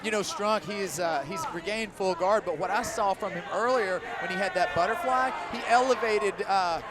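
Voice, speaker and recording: A man giving live colour commentary on a fight, analysing in a halting way with repeated pauses. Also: high voice. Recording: loud crowd and music behind.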